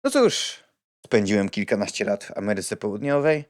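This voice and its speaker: A man reading an audiobook and voicing a reserved, polite, old-fashioned gentleman with a hesitant, stiff manner. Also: fairly low pitch, big pitch swings, normal speed.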